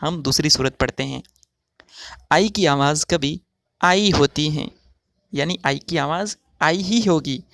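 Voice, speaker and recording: A man teaching English pronunciation in a slow, methodical way, drawing out each example word. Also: a little high, creaky, fairly bright tone, no echo, studio quality. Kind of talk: recorded pronunciation lesson.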